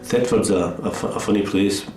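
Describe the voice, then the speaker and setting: A man's voice: on the low side, fairly even intonation, a little fast, reverberant, loud music behind the voice, low-quality recording. A middle-aged Scottish man talking plainly and earnestly about his time away from home. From Scotland. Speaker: undercover newcomer looking for work. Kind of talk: casual chat and reflective talk.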